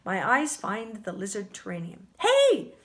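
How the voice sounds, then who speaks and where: A woman reading a novel aloud for a book club, expressive and stumbling now and then over words. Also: medium pitch, normal speed.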